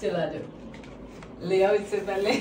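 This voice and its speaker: A woman's voice: medium pitch, fairly even intonation, slow pace. A woman chatting casually in a vlog, gushing and saying yaar constantly. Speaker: vlog co-host. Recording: echoey room, off-mic, noisy.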